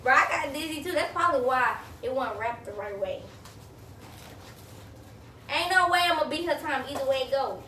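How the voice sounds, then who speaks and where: A young woman vlogging, talking loudly in playful, protesting banter with her cousin. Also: sits high, animated, normal speed, long pauses, a little hiss or hum. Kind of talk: casual challenge vlog. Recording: echoey room from a distance.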